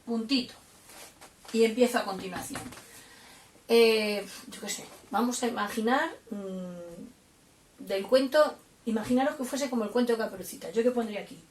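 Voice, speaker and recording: A woman's voice: on the high side, moderate pace. A woman teacher giving a step-by-step lesson to young children, patiently explaining and asking them questions. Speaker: primary school teacher. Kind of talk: home-learning lesson for children. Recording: roomy, from a distance.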